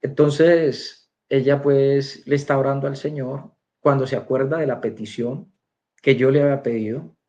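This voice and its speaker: A man's voice: medium pitch, steady tone, moderate pace, warm tone. Man telling a church testimony, muffled. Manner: storytelling, acting out quoted dialogue. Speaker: church member giving a testimony. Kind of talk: spoken personal testimony.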